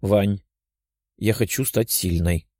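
A man's voice: fairly low pitch, takes it slowly, no echo, clean studio sound. A man playing a hot-tempered dragon girl. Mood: earnest. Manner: scolding, sharp.

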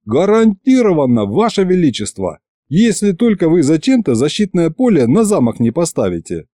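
A man voicing an eager, quick-witted young hero in an audiobook, talking in a raised, animated way. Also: fairly high pitch, dry recording, pitched above the performer's own voice. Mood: excited. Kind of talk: audiobook character voice.

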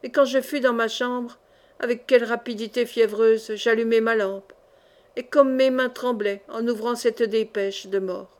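Une femme qui lit un roman à voix haute, d'une lecture lente et mesurée. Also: female voice, on the high side, fairly even intonation, measured pace, darkish tone. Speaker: audiobook reader. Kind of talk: scripted narration of a novel.

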